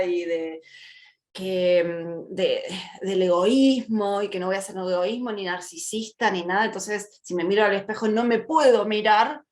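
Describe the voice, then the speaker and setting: Woman in her fifties teaching a workshop. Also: medium pitch. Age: 50s. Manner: conversational, asks "¿sí?" often, acts out little quoted scenes. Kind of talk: live online workshop talk.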